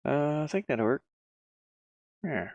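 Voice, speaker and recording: Muttering in short bursts as he builds his game, a solo indie developer narrates a casual think-aloud screen recording. His voice is a little high and darkish with lively intonation and a slow pace, and the audio is dry and dull.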